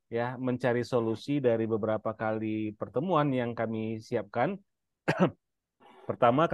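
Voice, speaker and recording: A man's voice: medium pitch, no room sound, lo-fi sound. A man from Indonesia casually promoting an inheritance-law training course to a live audience. He addresses listeners directly and fills his talk with "nah" and hesitations.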